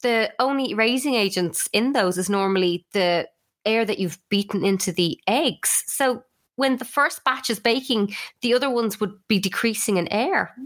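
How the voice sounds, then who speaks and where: A woman co-hosting a podcast in a relaxed, chatty way. She talks at a mid pitch and tells her story with lively turns. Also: moderate pace. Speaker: podcast co-host. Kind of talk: casual chat.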